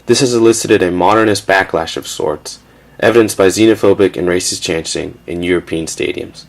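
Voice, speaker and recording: A man giving a measured, factual scripted narration for a documentary. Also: low-pitched.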